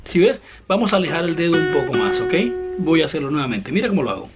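Male guitar teacher, slightly high voice, patient and upbeat, loud guitar in the mix. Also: very animated. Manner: patient, encouraging, speaks directly to the student; slow, step-by-step instruction. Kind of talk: online guitar lesson. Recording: loud guitar playing behind the voice.

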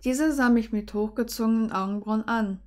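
A woman's voice: on the high side, fairly quick. A young woman reading her own fan fiction in first person, earnest, with small slips and self-corrections.

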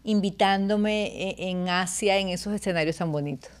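A woman's voice: mid-range voice, normal speed, clear, resonant tone. A woman, a radio host asking thoughtful, conversational questions in an interview.

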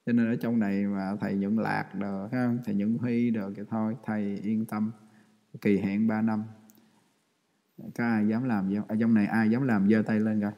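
A man's voice: on the low side, little pitch movement, moderate pace, highs cut off. A Vietnamese-born man, a Buddhist monk, giving a folksy dharma talk to monastics, joking and laughing often. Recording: long hall reverb.

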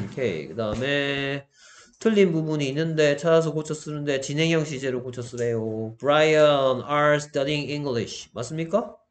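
Slightly high-pitched and animated, a man explains English grammar a little slowly. He builds the lesson step by step and keeps asking his students questions to confirm they've understood.

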